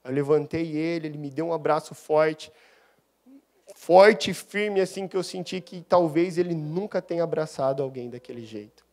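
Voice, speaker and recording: A man preaches in church, his voice sitting a little high for a man. He tells his testimony with lively storytelling and takes on the voices of the people in it. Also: moderate pace. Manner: animated storyteller, acts out dialogue. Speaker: deacon preaching a sermon. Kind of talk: sermon with personal testimony.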